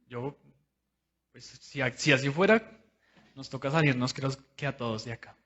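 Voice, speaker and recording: A man's voice: mid-range voice, moderate pace, a bit bright, dull audio. A man preaching a sermon in a conversational, personal way, speaking straight to his listeners.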